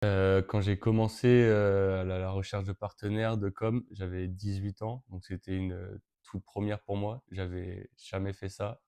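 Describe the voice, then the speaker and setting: A late-teen young man from Brittany, France, co-organizer of an event, gives casual interview answers in a flat, low delivery. He hesitates a lot, with frequent fillers and restarts, yet his tone is clear and resonant.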